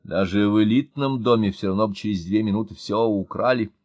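A man reading a story aloud as narrator, expressive and wry. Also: lowish voice, fairly quick, no room sound, highs cut off. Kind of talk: audiobook reading.

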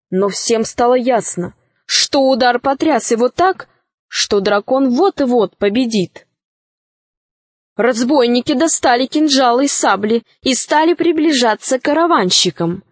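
A woman narrating a fairy tale aloud in an expressive, measured way. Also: fairly high pitch, no echo.

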